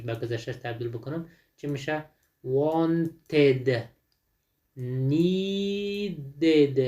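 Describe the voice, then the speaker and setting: With a Dari accent, a man teaches an English textbook lesson, reading examples slowly and explaining them quickly. He often asks and answers his own questions, and his voice is medium in pitch with a darkish tone.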